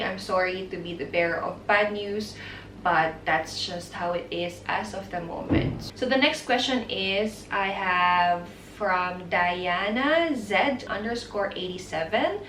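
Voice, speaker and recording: Her voice sits on the low side and is a bit bright, with some hiss or hum. A young Filipino woman in her 20s, she chats her way through a casual Q&A vlog in Tagalog and English, giggling now and then, recorded off-mic on a distant camera mic in an echoey room.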